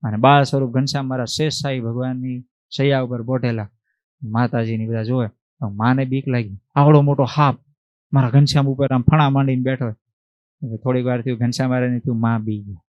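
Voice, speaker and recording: A man, a monk telling a devotional story in an animated way, acting out voices and asking the listeners questions. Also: mid-range voice, fairly quick, no room sound, lo-fi sound. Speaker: monk giving a religious discourse.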